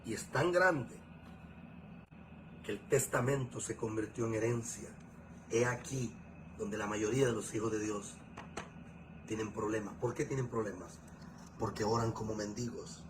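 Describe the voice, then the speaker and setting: A man's voice: on the low side, measured pace, long pauses, background noise. A man preaching a sermon as a pastor, emphatic and scolding. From Venezuela.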